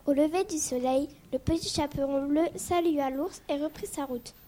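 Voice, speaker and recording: A woman reads a children's story aloud at a steady, careful pace. Her voice is high and mellow in tone. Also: normal speed. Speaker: school pupil reading a story on a class radio show.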